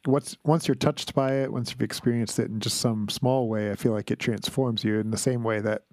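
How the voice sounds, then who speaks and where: A man hosting a podcast, asking measured, thoughtful questions. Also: medium pitch, steady tone, darkish tone, dry recording. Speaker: podcast host. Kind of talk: interview questions.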